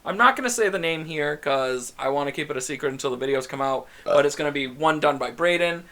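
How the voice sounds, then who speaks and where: A man's voice: a little high, fast, bright, forceful tone. A young man hosting a casual podcast chat, laughing often and swearing casually. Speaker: podcast host.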